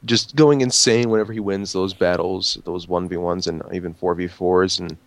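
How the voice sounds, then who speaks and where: A man's voice: sits low, fairly even intonation, normal speed, no room sound. A young man co-hosting a casual gaming chat, earnest and full of questions. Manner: earnest, asks many questions. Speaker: podcast co-host, gaming YouTuber.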